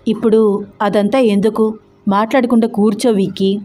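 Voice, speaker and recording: A woman's voice: medium pitch, steady tone, moderate pace, mellow, close to an everyday voice. A woman voicing a young wife who reproaches her husband with firm, hurt words in an audio story. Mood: scolding.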